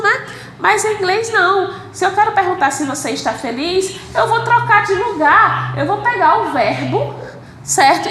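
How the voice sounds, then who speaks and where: High-voiced Brazilian woman teaching English. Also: bright, forceful tone. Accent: Brazilian Portuguese. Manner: patient, explains slowly, checks with "ok?" and "certo?". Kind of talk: recorded online lesson. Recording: echoey room with faint background noise.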